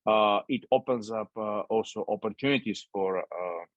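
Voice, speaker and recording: A middle-aged man with a fairly low voice moderates a webinar, his sentences broken up by constant "uh" fillers. The sound is dry and dull, like lo-fi video call audio with no room in it. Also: normal speed, no echo. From Bulgaria. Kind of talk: unscripted opening remarks.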